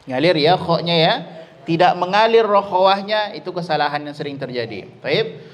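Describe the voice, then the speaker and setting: A man teaching Quran recitation, explaining letter sounds slowly and leading drills for students to repeat. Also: fairly high pitch, animated, a little hiss or hum. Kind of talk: tajwid lesson.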